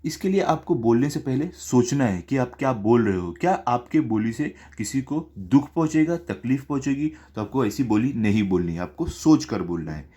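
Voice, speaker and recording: A man's voice: medium pitch, expressive, moderate pace, few pauses, mellow. A man teaching a school class, explaining a poem line by line. He asks questions and answers them himself, often checks in with his students, and mixes English words into his speech. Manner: keeps checking in with "okay?".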